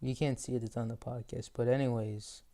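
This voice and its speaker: Hesitant, rambling podcast host. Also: male voice, mid-range voice, steady tone, brisk, heavy background noise. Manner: hesitant, many ums and likes, laughs easily. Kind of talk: casual podcast chat.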